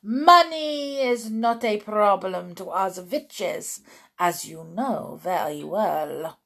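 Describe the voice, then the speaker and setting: A woman voicing a tiny, furious female Grand High Witch who screeches orders in odd, broken English. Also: expressive, slow, vocal fry, a bit bright, heavily acted. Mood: scheming. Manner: shrieking, screeching, foreign-sounding broken English.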